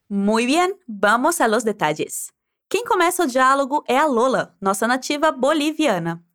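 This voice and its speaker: A woman's voice: sits high, very animated, normal speed, fairly bright tone. A woman teaching Spanish, guiding the listener through pronunciation drills and prompting them to repeat aloud.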